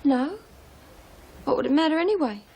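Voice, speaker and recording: A woman's voice: high voice, lively intonation, normal speed, dark tone. An actress playing a shy young female prisoner who is insecure and hesitant. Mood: defensive. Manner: hesitant and self-deprecating. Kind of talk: 1980s television drama acting.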